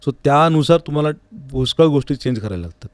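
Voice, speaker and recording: An interview guest who teaches music explains things earnestly, in a reflective, conversational style. He speaks at a quick pace with a fairly high, expressive, clear, resonant voice. The studio recording is dry and close.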